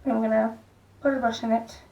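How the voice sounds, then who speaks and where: A makeup vlogger gives a casual tutorial in a soft, unhurried way, gently stopping and restarting. Her hoarse, croaky voice sits on the high side with little pitch movement, and the recording is muffled.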